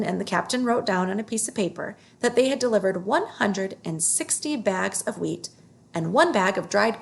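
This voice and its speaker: With a medium-pitched voice that carries a noticeable creak, a woman narrates a children's book. Her reading is expressive, and she phrases things with care.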